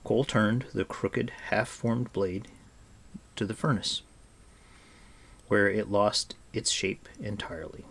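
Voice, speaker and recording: A man narrates an audiobook in a measured, expressive way. His voice sits low and has a gravelly, husky grain. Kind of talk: scripted storybook narration.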